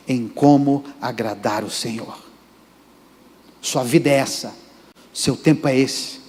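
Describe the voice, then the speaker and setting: A Brazilian pastor delivers an emphatic sermon in a fairly high voice, calling out directly to his listeners. The sound rings with the long reverb of a church sanctuary. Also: darkish tone. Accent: Brazilian Portuguese. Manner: emphatic, addresses the congregation directly.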